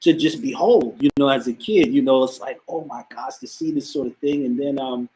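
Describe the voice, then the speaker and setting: A man's voice: medium pitch, brisk, warm tone, poor audio. Reflective New York man, fifties. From the Bronx, New York. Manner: reflective and emotional, with frequent repeats and fillers. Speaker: interview guest, hip hop artist. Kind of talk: casual interview conversation.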